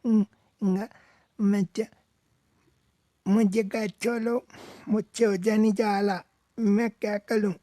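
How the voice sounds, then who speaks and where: A man doing a high, whiny baby chick. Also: little pitch movement, takes it slowly, long pauses, mellow, dry recording, studio quality. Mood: worried. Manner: childish, whiny, chirpy. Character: small lost baby chick, naive boy. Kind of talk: cartoon voice acting.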